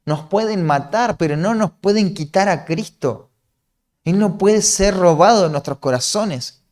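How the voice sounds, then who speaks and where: Earnest Argentine preacher, fairly high voice. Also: male voice, expressive, measured pace, a little mellow. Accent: Rioplatense Spanish. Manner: earnest, explanatory, often ends points with a questioning "¿no?". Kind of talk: sermon.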